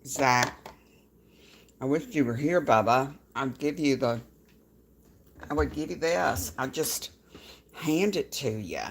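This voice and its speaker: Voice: medium pitch, slow, vocal fry, long pauses, a little hiss or hum. A home cooking vlogger, chatting folksily and directly to viewers while demonstrating a recipe.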